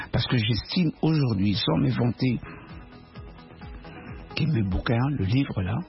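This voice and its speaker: In a political interview that turns argumentative, a guest from the Democratic Republic of the Congo speaks with a Congolese French accent in a medium-pitched voice marked by vocal fry. He argues combatively and emphatically, leaning on rhetorical questions, and the audio has a dull lo-fi radio quality with faint music.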